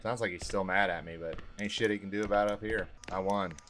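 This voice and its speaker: A man's voice: low voice, steady tone, quick pace, a bit bright, slight background noise. A man giving crude, profane, jumpy commentary while playing a horror video game. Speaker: gaming YouTuber.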